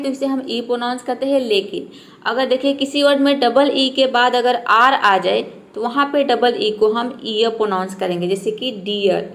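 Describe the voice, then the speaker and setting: A woman teaching an English pronunciation lesson step by step, asking and answering her own questions. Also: fairly high pitch.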